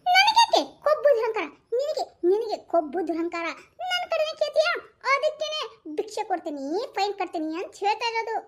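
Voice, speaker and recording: A woman's voice: very high-pitched, big pitch swings, fast, few pauses, voice pushed up. A woman voicing a cheeky young woman who picks fights, speaking with a North Karnataka Kannada accent and a taunting, squabbling manner. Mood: defiant. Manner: squabbling, taunting, singsong teasing.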